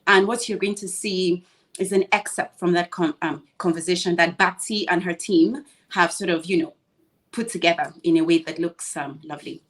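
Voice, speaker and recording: A woman co-hosting an online panel, speaking in a measured, thoughtful way with occasional "um" and "you know", over a video call. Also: fairly low pitch, fairly bright tone. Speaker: co-host. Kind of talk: casual introduction on an online panel.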